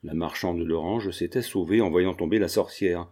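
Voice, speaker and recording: A man reading a classic novel aloud as an audiobook narrator, with steady storytelling delivery. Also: low voice, moderate pace.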